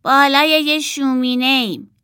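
A woman's voice: high voice, steady tone, bright, forceful tone, no echo, studio quality, voice pushed up. A woman doing a little boy doll. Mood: plain.

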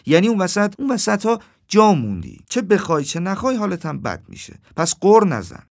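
A man's voice: high voice, big pitch swings, pitched above the performer's own voice. A man voicing a middle-aged male doctor who talks in a wry, matter-of-fact way.

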